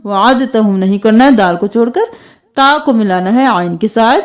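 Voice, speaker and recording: A woman leads a tajweed reading lesson, her voice on the high side. She stretches each recited word out slowly, then quickly spells out its letters with simple explanations.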